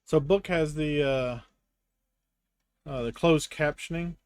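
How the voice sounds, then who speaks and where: Southern guy streaming a brick build, kinda high voice, dry close sound, rambly and wry. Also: slow pace, a little mellow, clean tone, no room sound. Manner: rambling, self-deprecating, wry. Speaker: live streamer. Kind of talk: casual chat while building a brick set.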